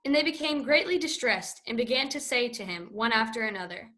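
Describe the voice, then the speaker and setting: A woman narrating a scripture reading in a steady, even read-aloud way. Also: on the high side, brisk.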